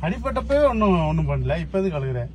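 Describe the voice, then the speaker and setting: A man in a family vlog, reassuring and gently teasing his young son at the hospital. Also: high voice, very animated, fast, faint music behind. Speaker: father vlogging with his son. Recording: echoey with loud background noise.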